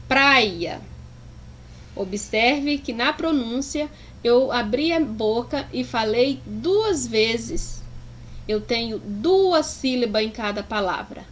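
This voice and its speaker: Slow, affectionate woman teacher. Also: on the high side, a little hiss or hum. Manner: affectionate, addresses pupils as "meus amores", sounds out words syllable by syllable. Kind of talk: slow, deliberate classroom explanation.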